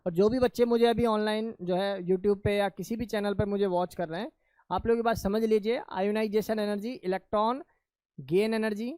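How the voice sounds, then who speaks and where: High-voiced man quizzing his class. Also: steady tone, moderate pace, darkish tone, clear, resonant tone, no room sound. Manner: asks quiz questions and answers them himself; calls students "beta". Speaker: chemistry teacher. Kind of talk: classroom lecture.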